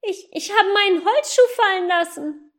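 A woman's voice: very high voice, moderate pace, pitched above the performer's own voice. A woman voicing a small boy who has dropped his wooden shoe while flying on a gander. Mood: frantic.

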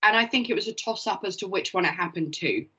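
A woman co-hosting a casual podcast, jokey and quick to laugh. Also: medium pitch, bright, forceful tone, breathy edge. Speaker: podcast co-host. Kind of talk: casual chat. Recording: dull lo-fi podcast audio.

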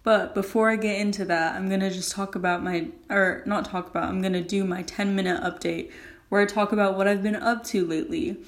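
A woman's voice: mid-range voice, fairly even intonation, fairly quick. Young woman rambling casually in a bathroom. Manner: rambling, informal, frequent "like". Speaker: podcast host. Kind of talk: casual solo podcast chat.

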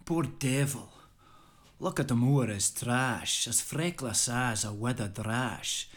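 A man's voice: mid-range voice, slow pace, natural voice. An Irish man putting on a Scottish accent to recite old Scottish verse in a theatrical, rolling delivery. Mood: declaiming. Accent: put-on Scottish. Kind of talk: poetry recital.

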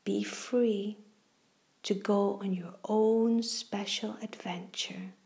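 A woman gently guides a meditation on a children's relaxation show, her voice breathy and softly half-whispered. The phrasing is slow and soothing, mid-range in pitch with fairly even intonation.

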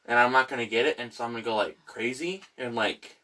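A man's voice: mid-range voice, quick pace, bright, forceful tone, recorded from a distance. A young man in casual chat, joking around and slipping into silly voices and sound effects.

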